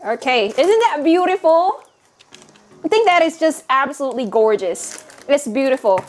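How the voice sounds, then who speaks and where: A woman vlogger in her late twenties chats casually into a clip-on lapel mic inside a small apartment room. Her voice sits high and expressive at a moderate pace, and she's bubbly and giggly, singing bits and repeating phrases.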